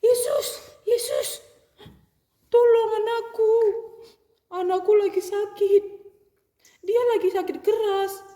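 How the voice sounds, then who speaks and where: A woman voicing a distressed father who begs for help for his sick daughter, talking urgently in a high, loud voice. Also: steady tone, takes it slowly, long pauses, roomy sound, long reverb tail. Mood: pleading. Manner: urgent, pleading.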